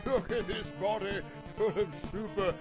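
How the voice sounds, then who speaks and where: Man putting on a slow, pompous theatrical villain. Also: sits high, fairly even intonation. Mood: pompous menace. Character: pompous intellectual villain who despises humans, sitcom-snob psychiatrist impression. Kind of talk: mock-dramatic dubbing of retro game dialogue. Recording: retro game music behind voice.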